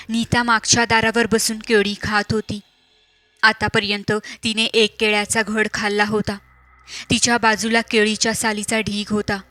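A woman narrating a scripted horror story in a steady, measured reading voice. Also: medium pitch, dry recording.

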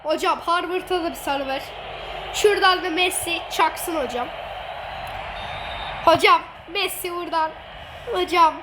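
Very high-pitched woman gloating over a game. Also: measured pace, pauses often. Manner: teasing, gloating, laughing often. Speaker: gamer streamer. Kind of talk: excited gameplay commentary. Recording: noisy game audio behind.

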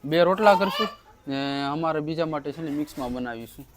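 A man's voice: fairly high pitch, fairly quick, heavy background noise. A young man with a Gujarati accent, casually narrating a village vlog outdoors and chatting to his viewers. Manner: chatty, addresses viewers as friends. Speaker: vlogger.

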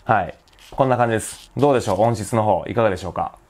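A man's voice: fairly low pitch, racing, darkish tone. A man with a Kansai accent chatting casually in a gear-review vlog, thinking aloud with lots of fillers. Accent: Kansai Japanese. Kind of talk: casual mic-test vlog. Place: indoors at home, later outdoors at night.

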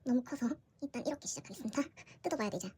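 A young woman vlogging as she unboxes merchandise, gushing and excitable, repeating how cute everything is. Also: on the high side, rapid-fire, loud music behind the voice. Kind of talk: casual unboxing vlog. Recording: audible background noise with crinkling packaging.

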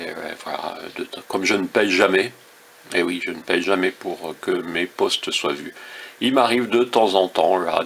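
A French man, a writer, complaining in a casual rant, with many fillers, pauses and wry remarks. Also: fairly low pitch, vocal fry, a bit bright, slight background noise. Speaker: writer complaining about a social network. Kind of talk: casual screen-recorded rant.

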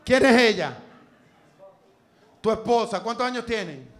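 A man's voice: high-pitched, expressive, a little slow, fairly bright tone. A man with a Venezuelan Spanish accent doing a live stand-up set on a comedy club stage, crude, profane and teasing the crowd.

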